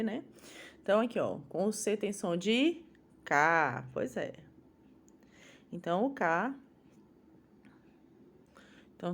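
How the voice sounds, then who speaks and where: A woman's voice: medium pitch, a little hiss or hum. A woman with a Brazilian Portuguese accent teaching a phonics lesson to young children, patiently sounding out syllables one at a time.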